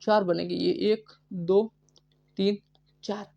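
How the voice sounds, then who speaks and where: A man's voice: sits high, little pitch movement, takes it slowly, gravelly, a little mellow, muffled recording. A male biology teacher in a live online class, talking in a chatty way. He keeps asking the class questions and then answers them himself, repeating each key term several times. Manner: chatty, addresses students as bhai.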